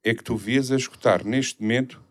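A man's voice: medium pitch, steady tone, brisk. A man co-hosting a podcast in casual, informal conversation with plenty of slang. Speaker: podcast co-host. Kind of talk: casual chat.

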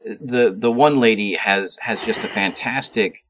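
A man's voice: lowish voice, measured pace, fairly bright tone, slight background noise. A man co-hosting a podcast, talking casually as he explains background details. He fills his sentences with ums and little asides and keeps a loose, conversational flow. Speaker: podcast co-host. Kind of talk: casual chat.

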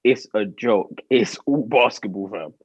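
A man's voice: lowish voice, unhurried, breathy edge, dry recording, muffled recording. A young man with a London roadman accent, casually spelling out his points in slang as a podcast co-host. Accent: London, urban roadman slang. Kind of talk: casual explaining and chat.

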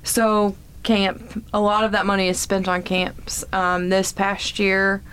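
Woman explaining in an even, steady voice. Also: medium pitch, slow, smooth. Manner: friendly, explains with many ums and restarts. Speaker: foundation representative, guest. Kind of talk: casual interview chat.

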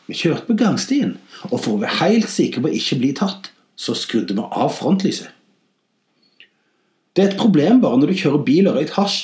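With big shifts in pitch and loudness, a man on a comedy podcast delivers comic tales and satirical takes, dropping sarcastic deadpan jabs; the recording has a roomy quality.

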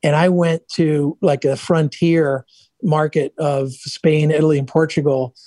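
A man's voice: fairly high pitch, steady tone, unhurried, warm tone, dry recording. Upbeat middle-aged man telling stories. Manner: upbeat, chatty anecdotes with many restarts. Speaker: guest, software entrepreneur. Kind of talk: casual interview storytelling.

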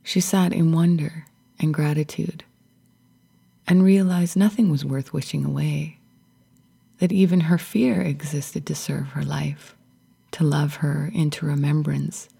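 Woman, host, soothing story, half-whispered, husky, mellow. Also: deep voice, steady tone. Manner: slow, hushed, half-whispered delivery.

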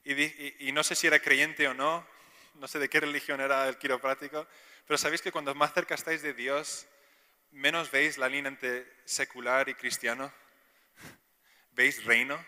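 A man's voice: medium pitch, bright, forceful tone, big-room sound. A man with a Spain Spanish accent giving a casual, chatty sermon, often asking the audience questions. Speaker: preacher.

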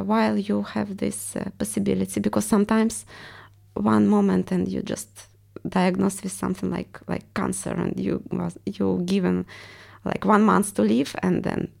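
Creaky-voiced woman with a Russian accent. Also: mid-range voice, darkish tone. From Estonia. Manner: halting, searching for words in non-native English. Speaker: interview guest. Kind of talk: reflective personal interview talk.

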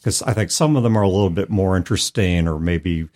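A man hosting a casual podcast about tabletop role-playing games explains things at length, reflecting aloud and hedging with asides. He has a deep, darkish voice and talks fast.

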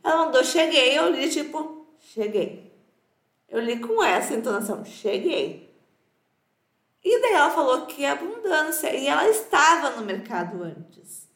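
High-pitched woman, lively swooping voice, podcast co-host, teasing, echoey room. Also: moderate pace. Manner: lively, teasing, laughs often. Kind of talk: casual podcast chat.

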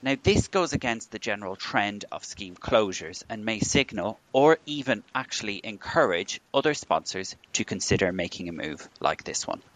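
A man co-hosting a podcast, giving a steady, formal scripted summary of pension news. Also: on the low side, moderate pace, few pauses, no room sound, poor audio. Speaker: podcast co-host.

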